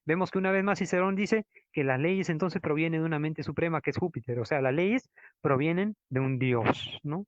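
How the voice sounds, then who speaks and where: A man giving a law lecture with slides, in a teaching manner full of tag questions and slow stress on Latin words. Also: on the high side, no room sound. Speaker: law professor. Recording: dull, dry lo-fi lecture recording.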